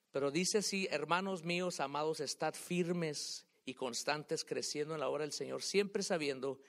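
A man preaching a sermon to his congregation, swinging between loud calls and quiet asides, dropping English words into his speech. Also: a little high, gravelly. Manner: rises and drops in loudness, mixing English words in.

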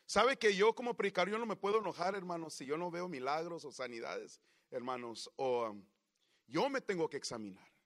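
Fired-up preacher guy, bright slightly high voice, goes loud then drops way down quiet. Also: lively intonation, brisk. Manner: impassioned, swings from loud outbursts to low murmurs. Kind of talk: sermon.

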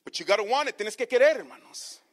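A pastor with a very high, fast voice preaches a bilingual sermon, speaking each line in one language and then repeating it in the other. He keeps addressing his congregation as brothers.

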